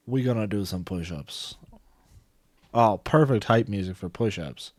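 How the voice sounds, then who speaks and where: A man's voice: on the low side, a little slow, dry recording. A man streaming a video game, chatting casually, swearing and rambling with lots of filler words. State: a little out of breath. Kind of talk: casual gaming stream commentary.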